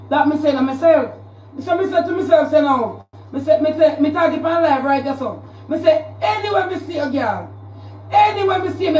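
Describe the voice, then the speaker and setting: Jamaican woman, high-pitched, confrontational livestream rant; echoey room, off-mic. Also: a little mellow, far from the mic. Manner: confrontational, repetitive, calling out a rival. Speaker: social media livestreamer.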